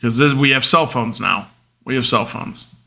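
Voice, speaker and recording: A man hosting a podcast, telling casual stories in a rambling way, full of fillers, getting loud and animated when he retells arguments. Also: mid-range voice, normal speed, creaky. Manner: rambling, with many fillers like "um" and "whatever". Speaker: podcast host. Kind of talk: casual storytelling monologue.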